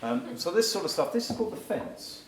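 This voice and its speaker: A man with a voice that sits high speaks briskly during a short live talk, energetically instructing the audience in exercises and sometimes calling out loud. His voice echoes through the hall from a distance, mixed with crowd noise.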